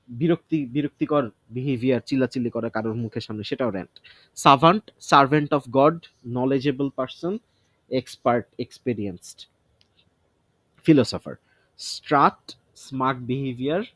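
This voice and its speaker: A man's voice: mid-range voice, unhurried, fairly bright tone, no room sound. Man explaining vocabulary aloud. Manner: thinks aloud, self-testing word by word; mixes English words into Bengali explanations. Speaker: vocabulary teacher. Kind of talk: casual vocabulary study session.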